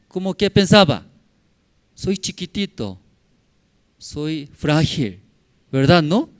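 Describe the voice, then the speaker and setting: Slow-preaching pastor, Spanish. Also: male voice, sits high, smooth. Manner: halting non-native Spanish, tag questions to the congregation. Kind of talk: sermon. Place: church in La Paz.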